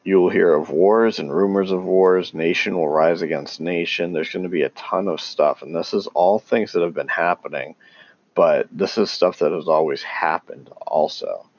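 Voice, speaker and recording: Casting: very low gravelly man, unhurried, halting, dull lo-fi recording. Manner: halting, many ums and restarts; calls himself tongue-tied. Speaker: religious commentator. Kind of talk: casual unscripted talk on scripture.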